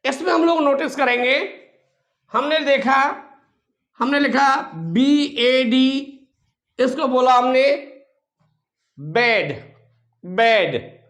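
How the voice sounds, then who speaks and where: Male teacher, high voice, unhurried, drills sounds back to the class; roomy echo. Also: a bit bright. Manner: asks rhetorical questions and repeats sounds slowly as drills. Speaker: English teacher. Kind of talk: classroom pronunciation lesson.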